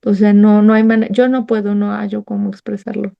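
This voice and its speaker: Speaking briskly in a flat, gravelly, medium-pitched voice, a Bible study leader with a Mexican accent tells a warm, heartfelt testimony from her own life. She acts out remembered dialogue as she goes, and the highs in the recording are cut off.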